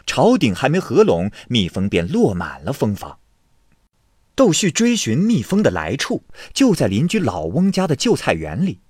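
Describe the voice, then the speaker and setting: A man telling a classic Chinese ghost tale in plain vernacular, with expressive storytelling. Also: mid-range voice, moderate pace, breathy edge, dry recording, clean studio sound. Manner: expressive storytelling with vivid voices.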